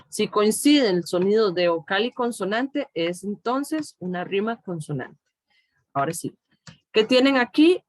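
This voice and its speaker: A middle-aged woman teacher with a Costa Rican Spanish accent, patiently explaining step by step in a recorded tutorial. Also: medium pitch. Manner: slow, patient, explaining step by step with checks like "¿de acuerdo?".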